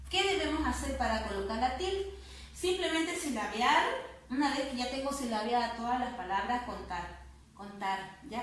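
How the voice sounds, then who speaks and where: A woman teacher explains a grammar lesson patiently, slowing down to repeat words one syllable at a time. Her fairly high voice sits some distance from the mic and rings in a strongly echoing room over faint background noise. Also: fairly bright tone. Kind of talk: spanish grammar lesson to students.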